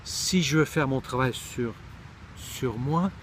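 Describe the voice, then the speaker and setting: With a slow pace and a mid-range, somewhat bright voice, a middle-aged man from Israel delivers a reflective monologue about his own thoughts. He gropes for words and often begins sentences again over slight background noise.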